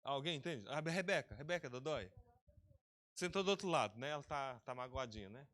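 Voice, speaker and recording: A man preaching a sermon as pastor of an online church service, lively and talking directly to his congregation by name. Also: mid-range voice, brisk. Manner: lively, talks straight to the congregation, calls people by name.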